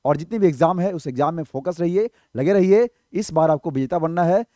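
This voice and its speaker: A man's voice: a little high, a little fast, mellow, dry recording, studio quality. A man teaching English vocabulary in an online exam-prep lesson, explaining patiently, asking rhetorical questions and checking in often.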